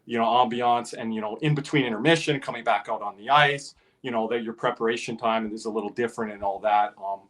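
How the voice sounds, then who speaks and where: A man's voice: medium pitch, steady tone, fast, hardly any pauses, fairly bright tone. Easygoing man, full of "you know". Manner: loose, filler-heavy, lots of "you know". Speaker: podcast host. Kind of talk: casual hockey podcast chat.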